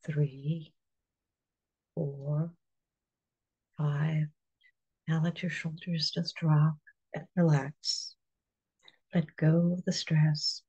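A relaxation guide leading a guided muscle relaxation in a soft, calm, partly whispered voice, counting slowly to five between steps. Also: medium pitch, slightly rough, highs cut off.

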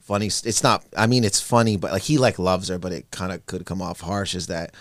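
A man in his forties from Canada, a comedian guest in a casual podcast chat, telling family stories in an animated way and acting out relatives' lines. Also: low-pitched, fairly quick, dry recording. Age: 40s. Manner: animated storyteller who acts out family members' lines.

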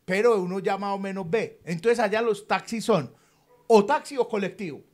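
A man's voice: high-pitched, normal speed. A young man, co-hosting a casual chat and telling stories, acting out the people he quotes. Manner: storytelling, animated, acts out quoted voices. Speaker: podcast co-host.

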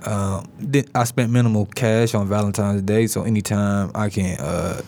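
A low-voiced man with a Detroit-area American accent co-hosts a podcast in loose, joking banter. He laughs a lot and lets sentences trail off. Faint noise sits under the studio recording. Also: fairly even intonation, moderate pace, a little mellow. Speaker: podcast co-host. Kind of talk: casual banter.

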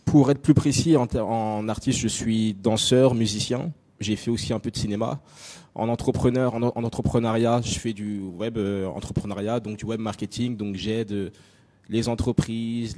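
A man's voice: fairly low pitch, a little mellow. A young adult man from France giving a personal talk to an audience, direct and chatty with many fillers. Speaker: invited speaker. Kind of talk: conference talk on stage.

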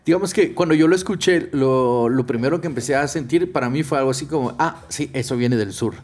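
A man's voice: mid-range voice, brisk, a little mellow. A man from Guatemala, hosting a casual chat, explaining at length and often adding "o sea" and "¿me entiendes?".

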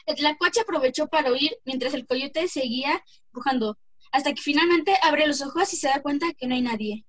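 A woman with a Mexican accent narrating a folk tale in a plain, slightly halting reading voice. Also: sits high, fairly bright tone, dry recording. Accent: Mexican Spanish.

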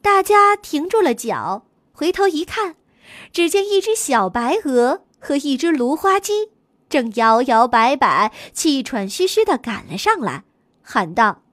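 Slow, expressive woman storyteller. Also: high-pitched, no room sound, clean studio sound. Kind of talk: children's story narration.

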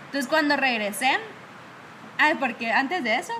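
A woman's voice: high voice, normal speed, slight background noise. Young woman telling work stories. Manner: animated storytelling, acts out her bosses' scolding; frequent fillers like "¿verdad?" and "va". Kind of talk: casual chat.

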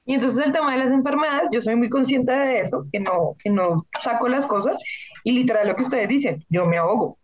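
A woman's voice: a little high, a little fast. A woman on a podcast, speaking frankly and playfully about herself. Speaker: podcast co-host. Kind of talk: casual chat.

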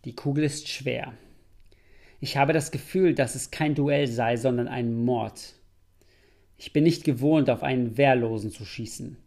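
A man reading aloud, voicing a proud, vengeful duelist who speaks in a grave, measured way with a gravelly voice. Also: medium pitch, a little mellow. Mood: grim. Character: proud vengeful male duelist, cold and grim.

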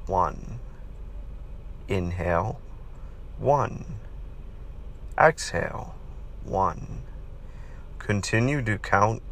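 A man with a fairly low voice and plenty of vocal fry guides a meditation. His delivery is calm and very slow, like a counselor reading instructions to soothe a listener. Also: slight background noise, poor audio. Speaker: podcast host and counselor leading guided meditation. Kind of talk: guided meditation, read aloud.

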